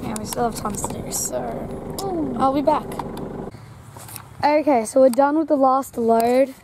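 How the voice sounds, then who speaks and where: A woman's voice: high-pitched, unhurried. A woman vlogging from a farm paddock, chatting loosely into a handheld camera with lots of fillers. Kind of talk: casual vlog narration. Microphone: handheld camera mic. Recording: noisy outdoor camera audio. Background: outdoor ambience, animals, vehicle.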